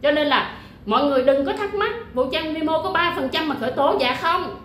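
A woman's voice: high-pitched, expressive, fairly quick, fairly bright tone, reverberant, slight background noise. A woman delivering an emphatic vlog monologue, full of fillers, repetitions and blunt jabs. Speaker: YouTuber discussing a legal case. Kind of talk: casual livestream-style monologue.

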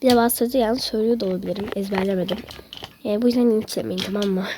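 A woman talking quickly and apologetically to her viewers, a little sick with her voice slightly off. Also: mid-range voice, fairly even intonation, noisy background. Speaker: video maker doing toy role-play. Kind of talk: casual aside to viewers.

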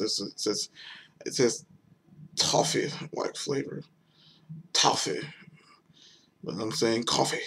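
A young man giving a casual, rambling beer review on video, hesitant and full of fillers. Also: mid-range voice.

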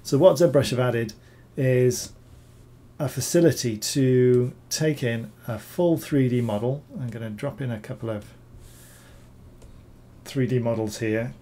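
A bas-relief sculptor reviews software in a screen-recorded tutorial, his voice still hoarse as he recovers from an illness. He speaks at a medium pitch and a measured pace, rambling with lots of ums and repeated words.

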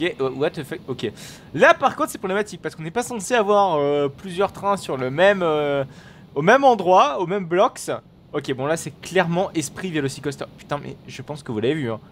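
Excitable man commentating gameplay live. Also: a little high. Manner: excitable, swears, exclaims often; rambling with many fillers and restarts. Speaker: gaming video host.

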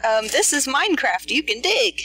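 Giggly woman gamer with a high voice. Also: sing-song, normal speed, sharp tone, slightly rough. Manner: giggly, laughs often. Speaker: host. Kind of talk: casual gaming chat.

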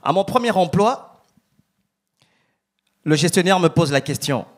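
A man doing stand-up in a comedy club, deadpan as he tells his stories. His voice sits a little high and swings widely in pitch. French is not his first language. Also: unhurried. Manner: deadpan storytelling with acted quotes. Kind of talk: stand-up routine.

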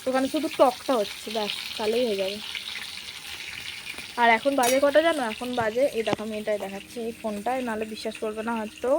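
A woman's voice: a little high, fast talker, background noise. A young woman vlogging casually from her home kitchen, chatting through each cooking step for her viewers on a handheld phone. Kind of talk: casual vlog narration.

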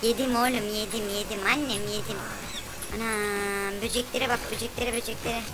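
A woman commentating a game for kids in a playful, whiny, complaining and excitable way. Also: a little high, normal speed. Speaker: gameplay commentator.

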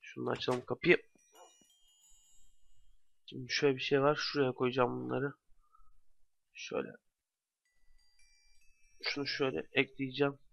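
A man's voice: medium pitch, level tone, unhurried, vocal fry, long pauses, fairly bright tone, no room sound. A young man giving casual let's play commentary, talking to himself with bursts of exasperation. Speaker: gamer commentator. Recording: dry, dull lo-fi home mic.

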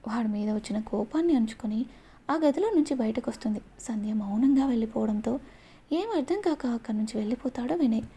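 A woman narrating a romantic story in a gentle, scripted reading. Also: fairly high pitch, expressive, quick pace, slightly rough.

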